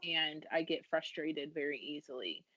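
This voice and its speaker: Low-voiced earnest American woman. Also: lively intonation, moderate pace, sharp tone, highs cut off. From United States. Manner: earnest, self-deprecating, laughs while talking. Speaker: guest, business founder. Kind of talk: podcast interview, casual talk.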